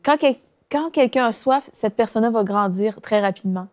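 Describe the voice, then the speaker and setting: A woman's voice: on the high side, a little fast, darkish tone. A woman co-hosting a faith talk show, sharing thoughtful reflections.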